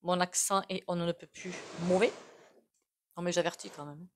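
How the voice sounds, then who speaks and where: A woman's voice: fairly low pitch, steady tone, normal speed, a little hiss or hum. Chatty woman reading tarot. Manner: chatty, many fillers and asides to viewers. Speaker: tarot reader. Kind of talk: casual tarot reading monologue.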